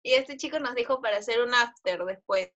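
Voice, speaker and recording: A young woman with a high, bright-sounding voice co-hosts a casual chat podcast. She tells her stories in an animated way and keeps breaking into laughter. Her delivery is loose and conversational. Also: a little fast, lo-fi sound. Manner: laughs often while telling stories, animated. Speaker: podcast co-host.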